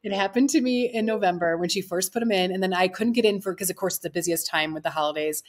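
A woman in her thirties hosting a podcast, chatting casually and telling a personal story with animated asides. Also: on the low side, quick pace. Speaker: podcast host. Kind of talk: casual interview chat.

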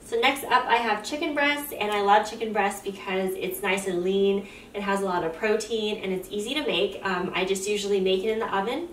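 A woman's voice: mid-range voice, a little fast, few pauses, a bit bright, reverberant, recorded from a distance, a little hiss or hum. A young woman vlogging casually in an upbeat, chatty way with frequent "um"s. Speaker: fitness vlogger. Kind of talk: casual vlog talk. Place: small indoor room for the haul, car for the drive.

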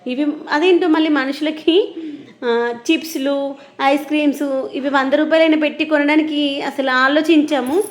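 A woman's voice: high voice, steady tone, moderate pace. A woman chatting casually and explaining things to viewers as a vlogger. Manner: explanatory, conversational. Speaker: vlogger and mother.

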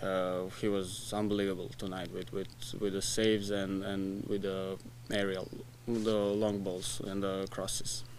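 A young man and soccer player answering questions at a post-match press conference, speaking in short, halting phrases with restarts and soft laughs, into a desk mic in a press room. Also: low-pitched, little pitch movement, slight background noise. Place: press room in front of a sponsor backdrop. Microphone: desk mic in front of him.

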